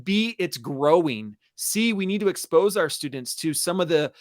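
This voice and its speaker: A man with a slightly high voice and lively intonation speaks at a moderate pace as an enthusiastic, emphatic co-host of a conversational webinar for teachers, repeating key phrases for emphasis. The studio-quality recording has no echo.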